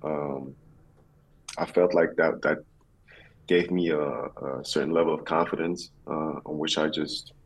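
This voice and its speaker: Male athlete interviewee, extremely low husky voice, reflective and halting. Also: steady tone. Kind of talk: conversational interview answers.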